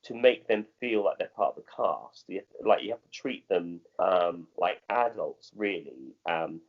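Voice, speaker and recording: Middle aged british guy, modern accent, lowish voice, chatty but keeps restarting his sentences, bit muffled audio. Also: lively intonation. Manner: halting, often repeating and rephrasing phrases. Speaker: theatre director. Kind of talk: conversational interview answers.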